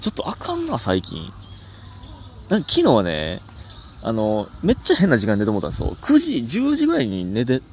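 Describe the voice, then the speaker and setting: A young man with a Kansai accent, hosting a casual solo comedy podcast, rambling and self-mocking with sudden animated outbursts. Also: fairly low pitch, gravelly, slight background noise.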